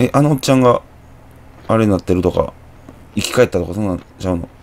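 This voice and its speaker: Gravelly Kansai man narrating a horror game. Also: lowish voice, animated, quick pace, darkish tone. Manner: chatty, muttering to himself, jumpy exclamations. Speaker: gameplay commentator. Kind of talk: horror game let's play commentary.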